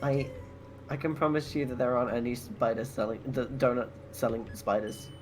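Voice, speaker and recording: A woman's voice: rumbling low, steady tone, moderate pace. A woman chatting casually on a game stream, making dry, joking asides. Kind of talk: casual chat. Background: game music.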